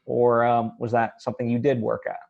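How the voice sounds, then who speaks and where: A show host leads a conversational interview, working thoughtfully and hesitantly through long, rambling questions. His medium-pitched voice is level, fairly quick and creaky, heard with phone-quality sound.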